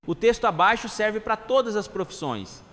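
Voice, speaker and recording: A man reading jokes and sayings aloud in an even delivery. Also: high-pitched, normal speed. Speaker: joke teller. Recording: long hall reverb.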